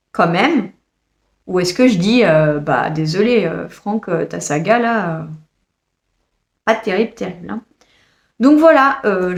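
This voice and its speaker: A woman chats through her monthly book review in a casual, expressive way. Her voice sits at an ordinary middle pitch, and she turns to address the author directly in a tone of fond exasperation.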